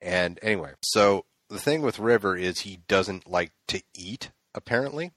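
Low-voiced man telling a rambling story. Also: animated, normal speed, a bit bright, no echo, studio quality. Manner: profane, rambling, laughs often. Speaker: podcast co-host. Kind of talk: casual storytelling chat.

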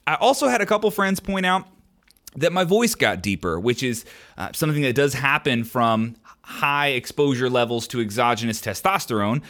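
With an expressive, medium-pitched and somewhat bright voice, a young podcast host answers listener questions at a moderate pace. He rambles candidly, stumbling into ums and restarts, over a podcast microphone.

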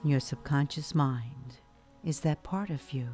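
A woman guiding a relaxation meditation in a soft, soothing, hushed spa voice, leaving long pauses between phrases. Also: a bass voice. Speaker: meditation guide. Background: music.

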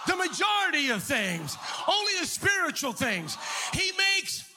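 A male pastor preaching a sermon, shouting in a sing-song call-and-response style. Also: very high-pitched, very animated, unhurried, over music.

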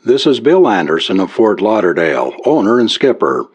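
A man's voice: fairly low pitch, big pitch swings, normal speed, slightly rough. A man voicing a male yacht skipper, urgent and impatient on the radio. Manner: impatient, insistent. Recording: dull lo-fi recording.

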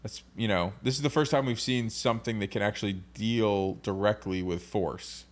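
A man's voice: fairly low pitch, fairly even intonation, moderate pace. A man co-hosting a podcast, steadily explaining tabletop game card rules in casual chat. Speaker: podcast co-host.

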